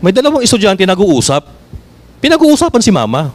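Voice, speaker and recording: A man with a Filipino accent preaching a sermon as pastor, asking the congregation questions and reading verses slowly. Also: high voice, slight background noise. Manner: switches between Tagalog and English, reads verses slowly; animated, asks the congregation questions.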